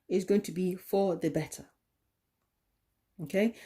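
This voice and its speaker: A woman giving a tarot card reading, talking in a slow, soothing way with many "okay?" tag questions. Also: lowish voice, fairly even intonation, dark tone. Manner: drops into a whisper at times. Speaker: tarot reader.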